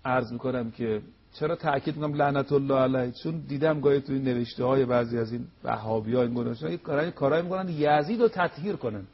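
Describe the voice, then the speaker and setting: A man's voice: mid-range voice, dull audio, a little hiss or hum. A man preaching on a religious TV program, emphatic and full of rhetorical questions. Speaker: cleric guest on religious TV program.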